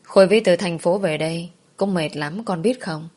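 A woman doing a gentle old grandmother. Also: lowish voice, normal speed, lightly acted. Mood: coaxing. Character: elderly gentle grandmother, understanding.

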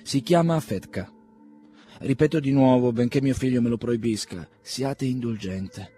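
A man's voice: medium pitch, a little slow, dark tone, faint music behind, pitched above the performer's own voice, close to an everyday voice. A man voicing an elderly country doctor and father who is humble, fussy and eager to please. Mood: fussing. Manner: apologetic, eager to please, ceremonious.

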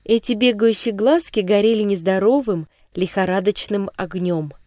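A woman narrating a children's story in a measured, expressive reading voice. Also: mid-range voice, dry recording, studio quality.

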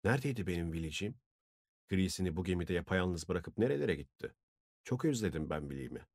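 A coarse, mocking drunken woman, read by a man in a low, husky voice from a novel audiobook. The sound is dry and close to the mic. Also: expressive, a little fast, no echo. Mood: coaxing.

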